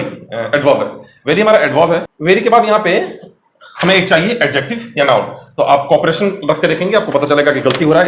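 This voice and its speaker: A man's voice: a little high, slight background noise. Man teaching grammar in an echoey room. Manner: explains step by step, quizzing the viewer. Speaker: English teacher. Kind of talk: exam-prep grammar lecture.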